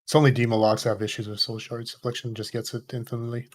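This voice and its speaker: A man talking quickly and matter-of-factly about raid tactics in gaming voice chat. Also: mid-range voice, little pitch movement. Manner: quick, matter-of-fact game talk. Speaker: raid member.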